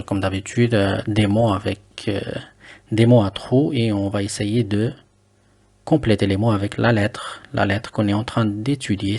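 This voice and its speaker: A man teaching Arabic letters in French, patient and slow, repeating each word for the learner to drill. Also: lowish voice, vocal fry, a little mellow, breathy edge.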